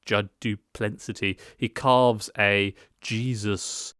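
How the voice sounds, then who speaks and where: A tipsy man giving a casual solo film review, rambling and halting as he stumbles over his words after drinking wine. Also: on the low side, fairly even intonation, fairly bright tone, clear, resonant tone, no room sound, studio quality.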